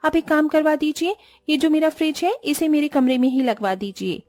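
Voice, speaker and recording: A woman voicing a selfish, spoiled rich young wife who talks in a shrill, demanding way in a cartoon. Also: expressive, brisk, a little mellow.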